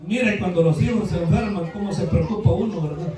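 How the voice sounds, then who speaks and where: A high-pitched man preaches in a church, mixing folksy anecdotes with loud, shouted bursts of praise. His voice rings through a very echoey hall. He sounds set back from the microphone. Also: fairly quick, recorded from a distance, music in the background, a crowd in the background. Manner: folksy storytelling, rising to shouted exhortation. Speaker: pastor. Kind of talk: sermon. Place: church sanctuary.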